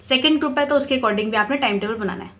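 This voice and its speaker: Young woman, slightly high voice, casual study-advice vlog, chatty, reassuring, mixes in English words. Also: fast, fairly bright tone. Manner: chatty, reassuring, keeps checking in with listeners. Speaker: exam mentor for company secretary students.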